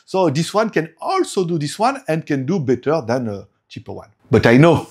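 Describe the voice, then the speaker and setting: Reviewing tech from his home, a native French speaker from France in his forties talks casually in broken English with a French accent, laughing often. His fairly high, slightly mellow voice has a sing-song quality and moves at a normal speed.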